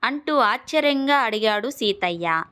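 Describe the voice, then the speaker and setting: Woman storyteller for a kids' moral tale, bright and crisp, slightly high voice. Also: animated, unhurried. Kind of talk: scripted children's story narration.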